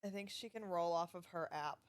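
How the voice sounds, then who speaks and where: Low-pitched woman hosting a game session. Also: a little fast. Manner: helpful, explaining. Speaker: host and player. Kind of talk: casual chat during a tabletop game.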